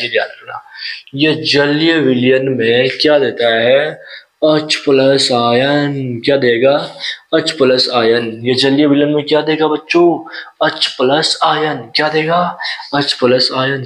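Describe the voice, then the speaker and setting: A man's voice: medium pitch, fairly bright tone, rough recording. A male teacher giving a lesson, asking questions and answering them himself, repeating key terms again and again to drill students. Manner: asks and answers in imagined student voices. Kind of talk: classroom-style lesson.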